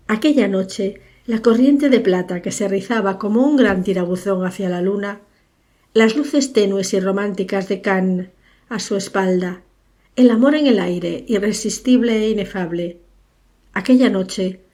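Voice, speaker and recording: A woman narrating a literary story for an audiobook, in a measured, unhurried storytelling manner. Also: mid-range voice, warm tone.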